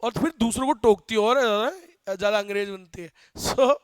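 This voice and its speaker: A young male teacher lecturing a class in an animated, joking way, often quizzing students, with phrases. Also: high-pitched, moderate pace, clean tone, dry recording. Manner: animated, asks students questions, jokes.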